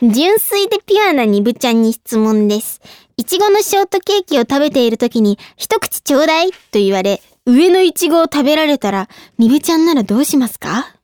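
A young woman hosting a casual radio talk show, reading listener mail with a bubbly, giggly, animated manner. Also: high-pitched, a little fast, dry recording, studio quality. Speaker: idol radio host.

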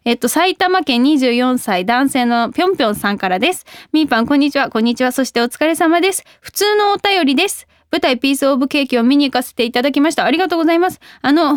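A young woman hosting a radio show, chatting casually and reading listener mail with bubbly, excitable reactions. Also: high voice, no echo, studio quality. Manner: bubbly, excitable, quick exclamations.

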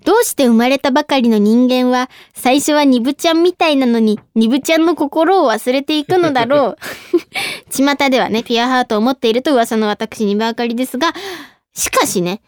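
A young woman hosting a casual radio talk show, reading listener mail with a bubbly, giggly, animated manner. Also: high voice, brisk, clean tone, no room sound, studio quality. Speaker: idol radio host.

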